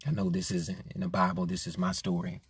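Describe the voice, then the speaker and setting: Husky-voiced impassioned male preacher. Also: deep voice, monotone, brisk, no echo. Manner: impassioned, repeating phrases, rising and falling in force. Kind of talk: sermon.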